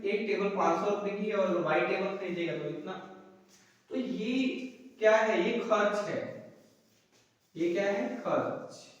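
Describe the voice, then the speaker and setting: Male tutor, high voice, asks and answers his own questions, distant mic, roomy echo. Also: unhurried, pauses often, muffled recording. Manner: explanatory, repeats key terms. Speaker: economics tutor. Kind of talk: whiteboard lecture. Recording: echoey room, distant mic.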